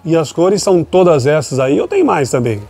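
A man's voice: fairly high pitch, big pitch swings, normal speed, gravelly, dark tone, husky. Chatty man vlogging a street market. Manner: upbeat, chatty, keeps addressing viewers as "gente". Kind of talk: walking market vlog with vendor chat. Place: outdoor night street market, busy city street. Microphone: handheld phone camera.

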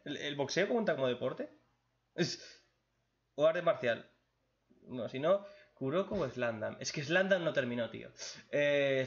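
Blunt Spanish-man in lo-fi chat. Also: medium pitch. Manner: blunt, crude, joking, reads questions aloud then answers. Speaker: YouTube host answering viewer questions. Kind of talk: casual Q&A chat.

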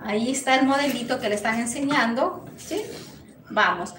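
Ecuadorian lady teaching pattern cutting on a livestream, high voice, echoey workshop, kinda noisy. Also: moderate pace. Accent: Ecuadorian Spanish. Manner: warm blessings and greetings, frequent "¿sí?" check-ins. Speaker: sewing instructor. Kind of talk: live-streamed sewing lesson. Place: small sewing workshop indoors. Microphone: lapel mic on a camera set back. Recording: echoey room, distant mic, noisy.

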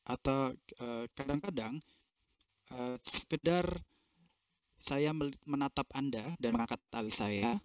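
A man's voice: mid-range voice, unhurried, long pauses, no echo. Male interpreter, dry close sound, phrase-by-phrase interpretation with fillers over a video call. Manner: translates in phrases with fillers and self-corrections. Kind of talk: consecutive interpretation.

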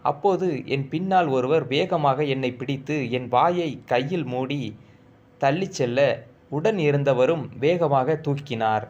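A man's voice: mid-range voice, a little slow, a little mellow, highs cut off. A man narrating a first-person story in a solemn, emotional reading.

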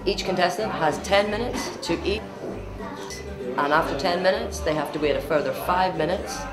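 A woman's voice: on the low side, normal speed. A woman in her thirties explaining an event to camera in an interview, as a barbecue caterer. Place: small indoor pub room. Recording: roomy, loud music behind.

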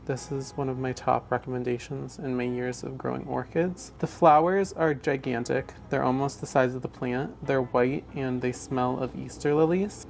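A man's voice: mid-range voice, vocal fry, darkish tone. A man in his twenties narrating a casual home plant tour with wry, playfully dramatic asides, talking over passing trucks. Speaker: houseplant vlogger. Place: indoors at home by an open window. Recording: background noise from passing trucks. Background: passing truck traffic noise.

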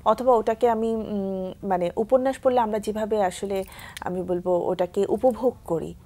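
A woman with a Bangladeshi Bengali accent hosting a TV talk show, asking questions in a polite, measured way. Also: mid-range voice, fairly even intonation, warm tone. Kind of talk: studio interview.

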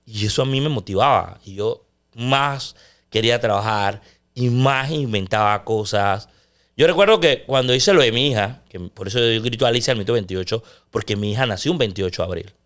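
A middle-aged man, a sports commentator talking loudly and intensely in a casual interview. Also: medium pitch, a little fast. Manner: loud, intense delivery.

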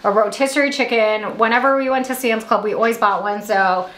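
A woman in her thirties from Indiana, chatting upbeat at home through a grocery haul vlog, with quick asides. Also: fairly high pitch, a bit bright, roomy sound. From Indiana, USA. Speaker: vlogger. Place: small room at home.

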